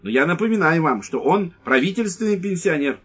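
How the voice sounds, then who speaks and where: A man voicing a huge, domineering older wife who scolds in a shrill, cackling voice, in an audiobook. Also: very animated, brisk, fairly bright tone, breathy edge, full character voice. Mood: shrill indignant.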